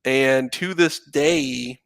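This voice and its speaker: A man's voice: medium pitch, drawn-out words, creaky, a bit bright, no room sound. A man in his thirties co-hosting a sports podcast, chatting casually and rambling with lots of fillers and asides. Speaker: podcast co-host, Florida fan.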